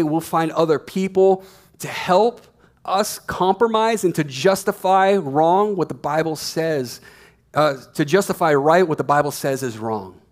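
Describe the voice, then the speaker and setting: A man's voice: sits high, darkish tone. A man in his thirties preaching a sermon on a church stage, emphatic and repeating his key lines, on a headset mic. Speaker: pastor.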